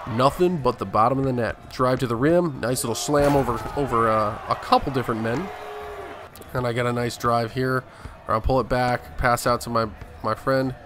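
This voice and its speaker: Over video game audio and a noisy background, a man of medium pitch and moderate pace hosts a gaming video, offering casual, joking and sometimes profane commentary.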